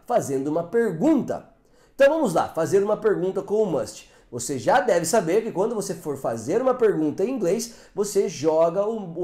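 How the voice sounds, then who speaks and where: Casual: brazilian guy teaching english grammar, lively up-and-down voice, kinda mellow tone, echoey room. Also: sits high. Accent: Brazilian Portuguese. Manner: explanatory, often checks in with "tá?". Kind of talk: online English grammar lesson.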